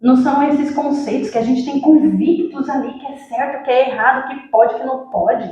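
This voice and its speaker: High-voiced Brazilian woman preaching in echoey hall. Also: normal speed. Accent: Brazilian Portuguese. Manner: lively storytelling, acts out dialogue, addresses the congregation. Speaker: church worker preaching. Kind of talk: sermon with personal testimony. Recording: very echoey, dull lo-fi sound.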